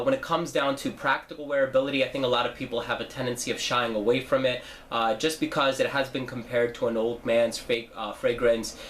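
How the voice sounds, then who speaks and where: Fairly bright and medium-pitched, the voice belongs to a young man with cold-induced nasal stuffiness who runs a casual fragrance review channel. He's from New Jersey and talks chattily, correcting himself and leaning on fillers, with slight noise in the background.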